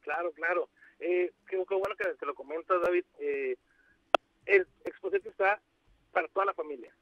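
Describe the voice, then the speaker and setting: A Mexican man being interviewed by telephone, speaking haltingly with many restarts and fillers. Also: high-pitched. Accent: Mexican Spanish. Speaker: university outreach coordinator, interview guest. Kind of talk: phone interview on radio. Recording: muffled dry phone line.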